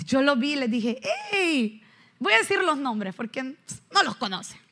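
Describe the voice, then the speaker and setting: A woman pastor in her thirties preaching in church, telling animated stories and asking the congregation questions. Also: high voice, a little slow. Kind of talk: sermon.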